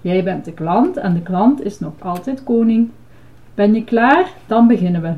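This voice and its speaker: A woman's voice: mid-range voice, lively intonation, moderate pace, muffled recording, close to an everyday voice. Grover, a woman doing a proud chanting ice cream monster. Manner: proud, chanting, eager to please. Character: cheerful blue male monster ice cream seller.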